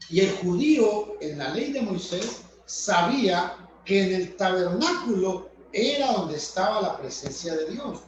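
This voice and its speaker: A man's voice: high voice, far from the mic, dull audio, slight background noise. Emphatic male preacher in echoey room. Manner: emphatic, addresses listeners as brothers and friends. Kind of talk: sermon.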